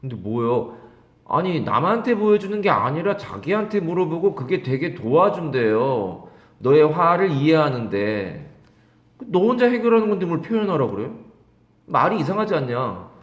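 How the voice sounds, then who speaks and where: A middle-aged male English teacher giving an exam-prep lecture, reading English phrases slowly and then explaining them, often questioning and teasing his students. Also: fairly high pitch, sing-song, reverberant.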